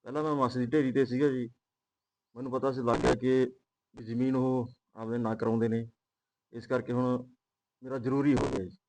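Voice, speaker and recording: A man's voice: medium pitch, flat delivery, fairly quick, pauses often, darkish tone, slight background noise, lightly acted, rough recording. A modest young village man, played by an actor, courteous and deferential. His voice sits in the middle range. This is a rural drama. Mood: polite. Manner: polite, deferential, using 'ji'. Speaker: prospective groom.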